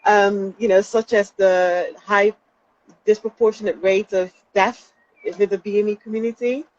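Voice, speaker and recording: Outdoors during lockdown, a young woman from the Netherlands training in counselling psychology gives a casual interview. Her mid-range voice is steady and unhurried, with the highs cut off, and she's thoughtful, laughing lightly and hesitating now and then.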